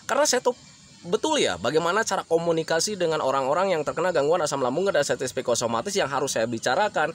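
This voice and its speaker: A man's voice: a little high, expressive, fast. A man giving casual spoken advice, often calling listeners friends, with many fillers, and acting out example phrases in changed voices. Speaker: health talk presenter.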